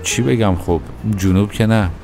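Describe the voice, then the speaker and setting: A man's voice: low voice, expressive, music in the background. A man playing a modest young country conscript. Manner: plain, modest, brief answers. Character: young male army conscript from the rural east, modest farmer's son.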